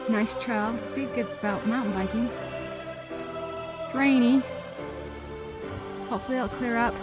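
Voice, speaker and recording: A woman's voice: a little high, steady tone, a little slow, loud music behind the voice. A woman leading a group hike, chatting to the camera on a mountain trail, upbeat and thankful. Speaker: hike leader filming a trail vlog. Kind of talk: casual outdoor vlog narration.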